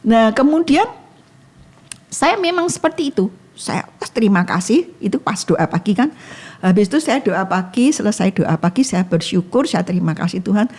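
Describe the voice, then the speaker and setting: A woman's voice: medium pitch, expressive, normal speed, darkish tone, slightly rough. A woman giving an emotional testimony in casual talk, acting out her own prayers. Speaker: guest sharing a testimony.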